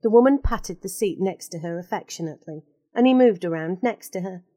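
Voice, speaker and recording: Woman narrator, storybook reading, expressive, mid-range voice, dry close sound. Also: medium pitch, fairly quick, no room sound.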